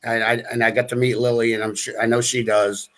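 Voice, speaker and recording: New England man, halting and chatty. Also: medium pitch, level tone, a bit bright. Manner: halting, many restarts and fillers, chuckles. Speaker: guest. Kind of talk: casual live-stream conversation.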